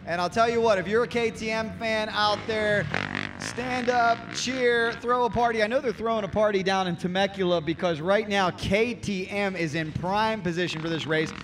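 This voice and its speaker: A man commentating live on a race as an excitable, showy announcer. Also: high voice, slight background noise.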